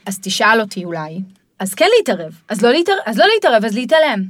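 A middle-aged woman guiding parents in a podcast conversation, explaining in a lively way and sometimes mimicking children's voices. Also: mid-range voice, no echo, studio quality. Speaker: parenting guide.

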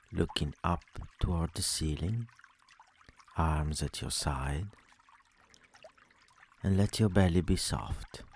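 A man with a very deep, dark, relaxed voice leads a sleep meditation, speaking slowly and soothingly with long pauses between phrases. Faint sound like trickling water plays behind him.

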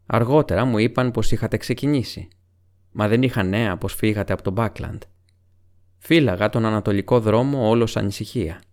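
A man voicing Strider, a grave, weathered ranger who speaks in a calm, guarded way, in an audiobook reading. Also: fairly low pitch, natural voice.

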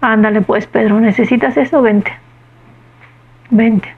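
A woman doing a calm man with gentle authority. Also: a little high, a little slow, husky, narrow, tinny audio. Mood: calm, reassuring.

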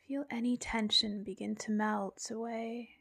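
Guiding a soothing meditation like a sleep story narrator, a woman keeps her delivery very slow, even, and nearly flat in pitch. Long silences fall between phrases, while her soft, breathy tone often fades toward a whisper with a light creak.

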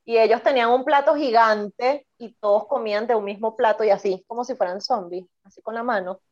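A woman's voice: on the high side, brisk, lo-fi sound. A Venezuelan woman in her twenties, a podcast co-host telling stories in casual, swearing chat. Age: 20s. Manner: chatty storyteller, swears freely.

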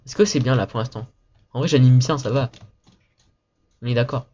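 The audio is dull, carrying a man's medium-pitched, darkish voice as he does casual gaming chat. After an upbeat video intro he rambles quickly in slang, mentioning he's sick, with phlegm in his throat.

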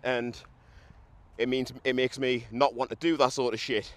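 A young male podcaster, hungover and still a little drunk after a run, talks to camera while walking down a street outdoors. His mid-range voice is flat and moves at a normal speed as he delivers a blunt, self-mocking monologue full of swearing. It's captured on a handheld microphone and camera, with traffic making the recording noisy.

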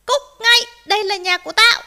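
A woman voicing a sly, bullying male fox in a children's story, shouting loud threats in a high voice. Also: fairly even intonation, brisk, heavily acted. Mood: menacing.

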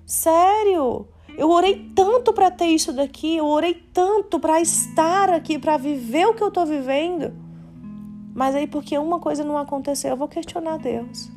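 A woman's voice: high-pitched, moderate pace, mellow, soft background music. A Brazilian woman in her late twenties hosting a podcast, speaking in a candid, confessional and faith-centered way, with casual slang. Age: late 20s. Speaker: podcast host. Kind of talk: candid personal monologue.

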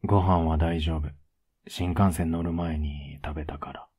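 Young boyfriend, played by a man, ASMR role-play. Husky, flat and unhurried, affectionate with gentle teasing. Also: heavily acted. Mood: tired, casual. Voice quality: low, husky, soft. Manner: laid-back, gently teasing, intimate.

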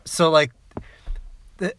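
A man's voice: slow pace, fairly bright tone. A young man chatting casually about TV shows, rambling and laughing often. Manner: rambling, laughs a lot, swears.

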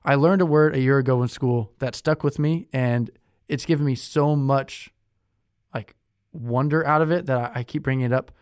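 A man's voice: medium pitch, normal speed, smooth, no echo. Chatty young man, dry close sound. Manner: chatty, with many fillers and self-corrections. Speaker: podcast co-host. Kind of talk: casual conversational chat.

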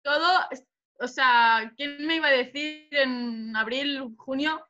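A woman's voice: high-pitched, slow pace, bright, forceful tone. A woman fighter chatting casually, telling a story animatedly and swearing freely. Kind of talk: casual chat. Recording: dull lo-fi sound.

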